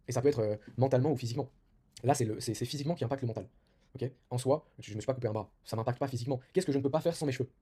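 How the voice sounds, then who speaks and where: A young man rattles off casual self-improvement advice at a very rapid clip. His voice is dark and husky, and his talk is loose and informal, full of fillers and false starts. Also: medium pitch.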